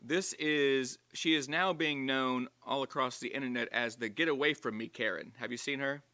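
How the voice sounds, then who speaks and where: A man co-hosting a casual livestream, loud, excitable and swearing freely. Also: medium pitch, normal speed. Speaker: co-host.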